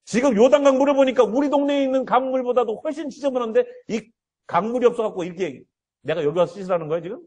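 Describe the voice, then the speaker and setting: A man's voice: extremely high pitch, quick pace, darkish tone, voice pushed up. A man doing an indignant, proud army general. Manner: huffy, ranting complaints.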